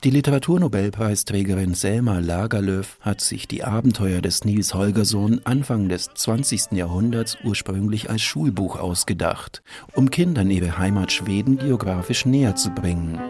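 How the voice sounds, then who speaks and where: A man with a somewhat low voice reads a scripted radio review. His delivery is measured and even. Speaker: radio critic.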